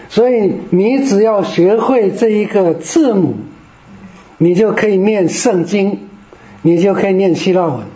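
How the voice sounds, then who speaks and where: A man's voice: high-pitched, unhurried, warm tone. A man teaching Greek to a class, explaining patiently step by step. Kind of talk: classroom lecture. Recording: roomy, dull lo-fi classroom recording.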